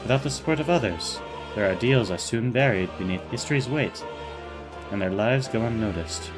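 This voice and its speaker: Formal, measured game scholar, voiced by a man, grand and unhurried. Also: fairly low pitch, expressive, over music, natural voice. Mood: solemn. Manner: formal, measured, slow in places. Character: courtly older male scholar and novelist, grand and measured.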